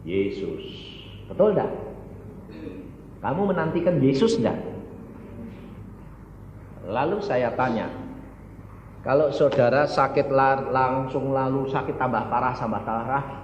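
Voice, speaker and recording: A male evangelist preaching a sermon, often firing questions at the congregation and swinging between loud and soft. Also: mid-range voice, unhurried, pauses often, slight background noise. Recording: echoey hall, dull lo-fi sound.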